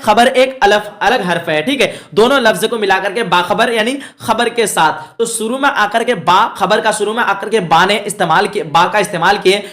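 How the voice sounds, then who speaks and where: A man's voice: sits high, fairly bright tone. A man teaching an online exam-prep class, going through the answers one by one. He asks a question, then answers it himself. He keeps checking in with the students as he goes. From India. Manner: explains step by step, often asks and answers his own questions; repeats "thik hai" to check in with students.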